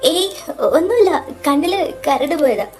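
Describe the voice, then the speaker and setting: A tearful young college woman, loyal to her sister, played by a woman. She has a high, mellow voice. She speaks softly and hesitantly in a fan audio drama. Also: animated, moderate pace, faint music behind. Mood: tearful hesitation.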